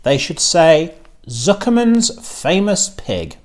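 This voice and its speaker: A man's voice: on the high side, sing-song, slow, a little mellow, pitched above the performer's own voice. A man playing a proud, emphatic male farmer in a storybook, giving orders. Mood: proud, commanding. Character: proud, commanding male farmer, awed by his pig.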